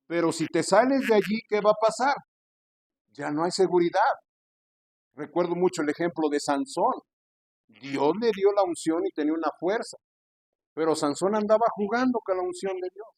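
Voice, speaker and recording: A man preaches an earnest sermon, addressing his listeners as brother. His slightly high voice is expressive and a little mellow, moving at a moderate pace. The recording is close and dry, with no sense of the room.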